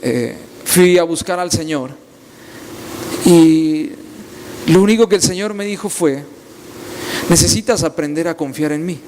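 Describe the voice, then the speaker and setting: A man's voice: fairly high pitch, unhurried, pauses often, darkish tone, a little hiss or hum. A young man preaching a sermon, telling personal stories with repeated, emphatic phrasing. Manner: storytelling, repetitive emphatic phrasing. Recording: long reverb, faint ambience.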